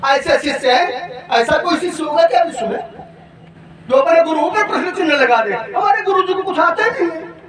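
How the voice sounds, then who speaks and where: A man playing a proud, defiant young warrior prince in a village stage debate, mocking his opponent with shouted questions and chanting verses in drawn-out lines. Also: extremely high pitch, expressive. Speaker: Ramlila stage actor. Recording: distant echoey live stage recording with loud crowd.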